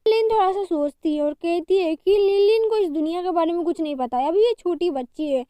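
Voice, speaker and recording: Very high-voiced woman retelling a drama. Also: fairly quick, warm tone, no room sound. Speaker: drama recap narrator. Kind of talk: casual storytelling recap.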